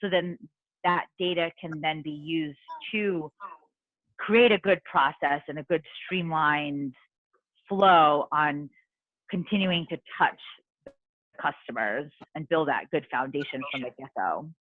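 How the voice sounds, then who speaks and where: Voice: mid-range voice, slow pace, no room sound. A participant in a video call discussion who explains points in an earnest way. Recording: tinny phone-like call audio, dry.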